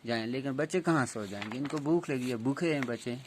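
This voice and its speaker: A male teacher giving a reading lesson to young children. He goes through the text slowly, restating each sentence in simpler words. His voice stays at an ordinary middle pitch. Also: background noise. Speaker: school teacher.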